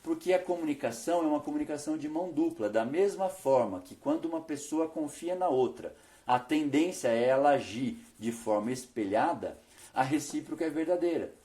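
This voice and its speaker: Mellow-voiced man teaching, self-questioning. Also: on the high side, lively intonation, a little fast. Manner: asks himself questions and answers them. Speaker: veterinarian giving business tips. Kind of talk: instructional video talk.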